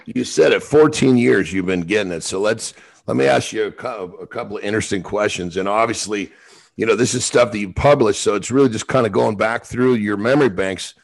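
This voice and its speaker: A man's voice: lowish voice, brisk, vocal fry. A man hosting a casual interview, asking questions and replying with short encouraging remarks. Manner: conversational, short encouraging replies. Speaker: podcast host.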